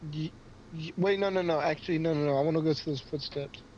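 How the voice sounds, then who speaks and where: A man's voice: fairly high pitch, fairly even intonation, darkish tone, highs cut off, a little hiss or hum. A man playing a tabletop game, speaking hesitantly in a casual way. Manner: hesitant, slow, drawled. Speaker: player.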